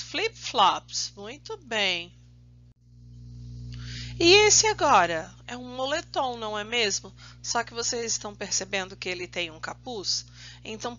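A woman teaching children English in a recorded remote lesson, drilling each word slowly and praising them often. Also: fairly high pitch, sharp tone, dull audio. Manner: slow, drawn-out drilling of words, praising often. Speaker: primary school English teacher.

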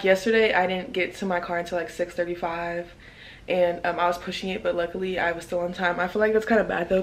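A woman's voice: lowish voice, slight background noise. Chatty young woman vlogging. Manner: chatty, rambling, many fillers. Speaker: vlogger, night-shift NICU nurse. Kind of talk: casual chat to camera.

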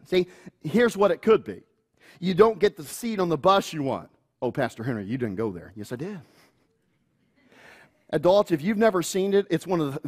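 A male youth pastor preaching a sermon in a church, animated and chuckling often. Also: a little high.

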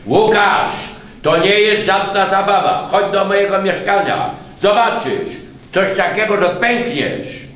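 A man's voice: sits high, expressive, measured pace, fairly bright tone, pitched above the performer's own voice. A man playing a frightened, indignant boy who talks in a raised, urgent voice, recorded in an echoey room from a distance.

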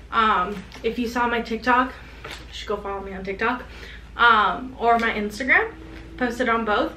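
A woman in her twenties, a reseller vlogger, chats casually and upbeat to a camera on her desk while showing off a clothing haul. Her voice is on the high side with a sharp tone. She's filmed at close range in a small home room with a clothing rack, and the room is echoey with a faint background hiss.

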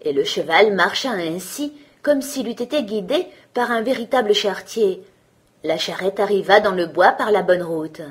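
A woman storyteller reading a fairy tale aloud in a gentle, measured way. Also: mid-range voice, slightly rough.

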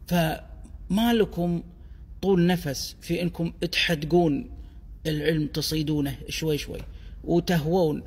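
A man with a Kuwaiti Gulf Arabic accent giving a deliberate, emphatic explanatory monologue in the manner of a language explainer. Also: a little high, creaky, darkish tone, husky. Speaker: explainer of dialect words. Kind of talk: explanatory monologue on word origins. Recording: long reverberant echo.

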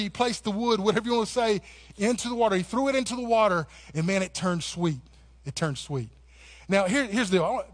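High-voiced man preaching a lively sermon. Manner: passionate, conversational preaching with repeated "man" and restarts. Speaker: pastor. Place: church sanctuary.

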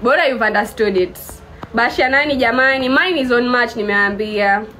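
Young woman, from Kenya, live streamer, teasing and playful, high-pitched, faint hiss behind. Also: normal speed, bright, forceful tone. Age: 20s. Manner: playful teasing, mixes English and Swahili. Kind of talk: casual live-stream chat with viewers.

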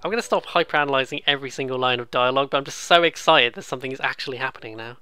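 A let's player gives casual, excitable commentary on a game while game music plays behind. They ramble at a rapid-fire pace, often cut themselves off, and read dialogue aloud. The mid-range voice is smooth, with no echo.

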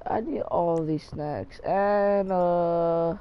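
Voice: mid-range voice, takes it slowly, clear, resonant tone, highs cut off. A gamer giving casual commentary over their own gameplay, chatty and talking back to the characters on screen. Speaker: gamer narrating own play.

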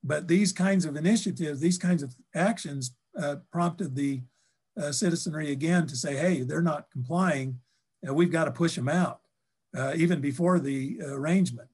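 An older man talks history over a video call from his office, his voice sitting a little high for a man. He stumbles and restarts often, with steady filler sounds between his phrases. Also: slightly rough. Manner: halting, many ums and restarts. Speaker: historian guest. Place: office with bookshelves.

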